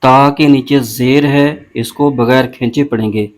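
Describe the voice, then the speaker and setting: A man teaching recitation, moving briskly through pronunciation rules. He stretches out each syllable slowly when spelling words aloud, in a patient, methodical way. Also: mid-range voice, fairly even intonation. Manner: slow, drawn-out spelling of syllables between brisk explanations. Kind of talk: word-by-word tajweed lesson.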